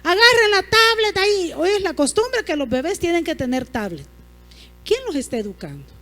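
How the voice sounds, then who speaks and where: A woman's voice: extremely high pitch, big pitch swings, moderate pace, sharp tone, soft background music. A woman pastor, preaching a sermon emphatically and asking the congregation rhetorical questions.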